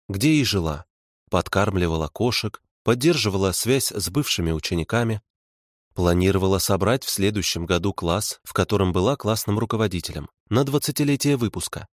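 A man voicing a calm, cutting woman investigator. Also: on the low side, normal speed, dry recording, studio quality, natural voice. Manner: calm, pointed, soft.

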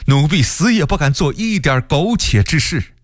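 Man putting on a shrill pleading palace eunuch. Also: big pitch swings, dry recording, clean studio sound. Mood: servile. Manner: pleading, servile, drawn-out. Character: frightened fawning palace eunuch, middle-aged man. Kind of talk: radio storytelling.

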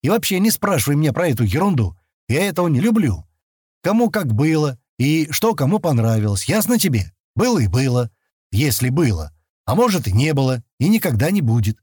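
A man reading an audiobook, voicing a gruff, irritable young man with curt replies. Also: a little high, big pitch swings, brisk, a little mellow, no echo, clean studio sound, voice pushed up. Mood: angry. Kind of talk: audiobook character voice.

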